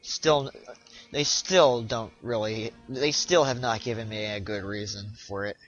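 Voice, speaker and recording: Young male streamer, bright voice, stop-start casual chat, muffled lo-fi stream audio. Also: on the low side, soft background music. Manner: chatty, halting, frequent restarts and repeats. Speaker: speedrunner streaming live.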